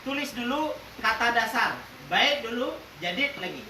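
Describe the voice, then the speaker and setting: A man's voice: very high voice, animated. Playful male teacher in an echoey classroom. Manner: playful, quizzes the class and jokes; drawls out example words slowly. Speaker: religious teacher. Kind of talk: classroom lesson with call-and-response. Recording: roomy, distant classroom recording with faint noise.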